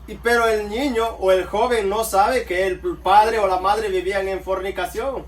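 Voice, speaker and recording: Recorded on a far-off mic in an echoey room with faint background noise, a man preaches, referring to his listeners as brothers and answering himself with amen often. His voice sits high, with fairly even intonation and a moderate pace.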